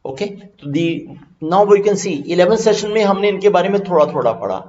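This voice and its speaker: A man teaching vocabulary in an online lesson, mixing Hindi and English, reading English definitions slowly and then explaining them quickly. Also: high-pitched, expressive, a little mellow, dull audio.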